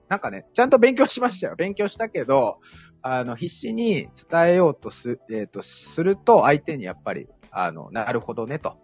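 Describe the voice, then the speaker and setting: Kansai-accented man, casual storytelling, husky, slightly high voice, lo-fi stream audio. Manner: lively, laughing, storytelling with dialect. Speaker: guest liqueur maker. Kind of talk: casual live chat. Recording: dull lo-fi live stream with faint music.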